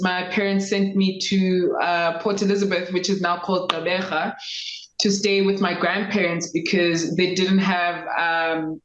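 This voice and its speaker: A South African woman in her thirties, a lawyer telling her life story in a measured, reflective way. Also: on the low side, reverberant, muffled recording. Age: 30s. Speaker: guest lawyer. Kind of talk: interview conversation.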